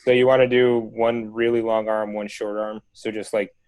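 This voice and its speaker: A man's voice: fairly low pitch, little pitch movement, moderate pace, over a noisy crowd, rough recording. A man in easygoing casual chat on a video call, a bit self-deprecating. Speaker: robot team member.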